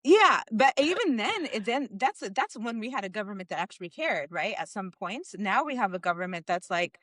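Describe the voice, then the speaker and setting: A woman's voice: mid-range voice, sing-song, normal speed, a bit bright, no echo. A woman co-hosting a podcast, telling a personal story in a candid, conversational way with frequent filler words. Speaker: podcast co-host.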